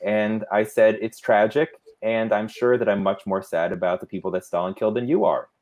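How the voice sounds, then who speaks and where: A man appearing as a guest author in a casual online interview, talking in a measured, anecdotal way with some hedging. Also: on the low side, steady tone, a little mellow.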